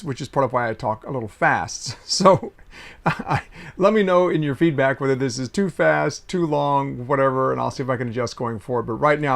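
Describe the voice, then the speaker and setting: A middle-aged man, a consultant, teaching in a conversational way from a small sailboat cabin office, with frequent restarts and some throat clearing. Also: medium pitch. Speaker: consultant teaching systems mapping. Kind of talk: casual talking-head lesson.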